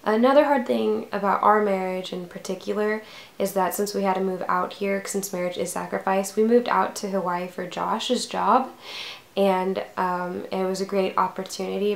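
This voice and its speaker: A woman's voice: mid-range voice, gravelly, reverberant. A woman of twenty-one talking casually to camera in a vlog, rambling with many fillers. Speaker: vlogger.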